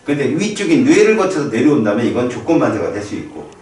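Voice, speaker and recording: A man lecturing a biology class in a lively, playful way, his pitch rising and falling a lot as he acts out quick reactions. He is recorded from far off in a strongly echoing classroom. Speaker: biology teacher. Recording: echoey room from far off.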